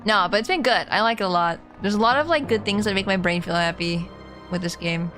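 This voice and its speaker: A woman streamer chats to her viewers as she plays, cute and bubbly. Her greetings come out singsong over light game music, in a voice of ordinary female pitch. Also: brisk, a bit bright. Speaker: variety streamer and artist. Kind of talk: live game streaming commentary, chatting with viewers.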